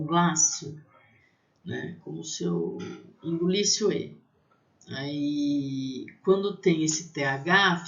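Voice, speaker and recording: A teacher giving a pronunciation lesson, spelling out letters and repeating each word slowly. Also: mid-range voice, muffled recording.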